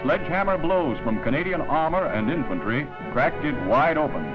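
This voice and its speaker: A man's voice: a little high, animated, moderate pace. A man narrating a wartime newsreel in the rousing, declamatory announcer style of the 1940s. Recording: muffled 1940s newsreel soundtrack, loud music.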